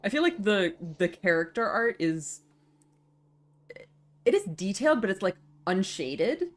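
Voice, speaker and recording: A woman's voice: mid-range voice, sing-song, a little slow. A woman game streamer chatting casually as she plays.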